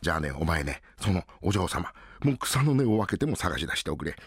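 A man's voice: sits low, sing-song, a little fast, slightly rough, no room sound, studio quality, voice pushed down, exaggerated voice. A man in a rakugo storytelling voicing a worried older merchant father who talks in a coaxing, anxious way. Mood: pleading.

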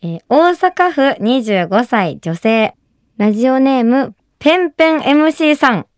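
A woman's voice: high voice, expressive, measured pace, dry recording. Chatty woman radio host, dry sound. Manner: chatty, many fillers, eager reactions. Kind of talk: casual radio chat.

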